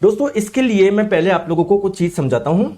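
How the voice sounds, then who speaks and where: A high-pitched man teaching, his throat a little sore. He is animated and keeps questioning the class, then answers in the students' voice. His voice sits above most men's. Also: fast talker. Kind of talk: lively classroom lecture.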